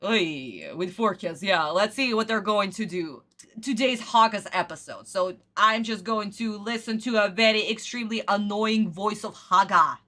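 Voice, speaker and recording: A woman's voice: medium pitch, moderate pace, pushed and bright. A woman doing casual livestream reaction chat, effusive and theatrical, full of endearments. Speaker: streamer reacting to anime.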